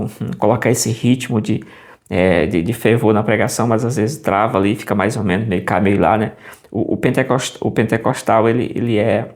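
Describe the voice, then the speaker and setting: Man, gravelly voice, mid pitch, casual commentary, conversational, frequent restarts. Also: a little mellow. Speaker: commentator on preaching.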